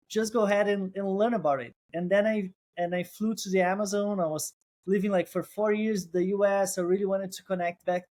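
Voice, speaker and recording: In a relaxed interview, a thoughtful guest who co-founded a company speaks with a Brazilian accent. His voice sits high and a little mellow, and he tends to restart phrases, his wording marked by non-native patterns.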